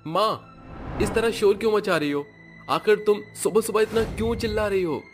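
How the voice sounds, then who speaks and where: A man voicing a kind, earnest young husband in a spoken storybook, raising his voice higher than his own. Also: moderate pace, soft background music, lightly acted. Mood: indignant. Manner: earnest, reassuring, firm when defending.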